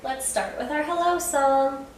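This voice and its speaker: A woman's voice: high voice, measured pace. A woman speaking like a kindergarten teacher, leading young children through circle time in simple, encouraging phrases. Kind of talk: children's circle time lesson with sing-along songs. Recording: very echoey room, distant mic, faint noise.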